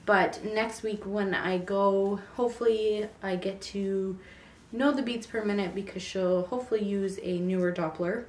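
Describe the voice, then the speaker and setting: Recorded from a distance in an echoey room, this twenty-something vlogger talks casually in a pregnancy update, her cold leaving her throat raw and sore. She speaks at a medium pitch in a steady, unhurried tone, dropping in lots of ums.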